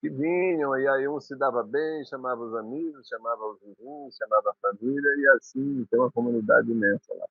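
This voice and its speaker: A man's voice: mid-range voice, a little fast, few pauses, no echo. Guy in his 50s rambling thru old memories, dry tinny phone sound. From Maranhão, Brazil. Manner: rambling, reminiscing, with restarts. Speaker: guest musician. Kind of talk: conversational storytelling.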